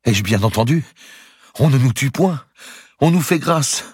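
A man's voice: medium pitch, animated, a little slow, a little mellow, slightly rough, dry recording, clean studio sound, voice pushed up. A man voicing a stammering old monk overcome with tearful relief, in a storybook reading. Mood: tearful joy. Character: old monk visitor, broken teeth, tearful joy.

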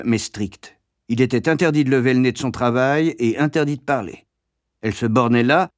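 Man reading a memoir aloud, wry, steady, dry studio sound. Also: mid-range voice, dry recording. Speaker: audiobook narrator. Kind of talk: scripted memoir narration.

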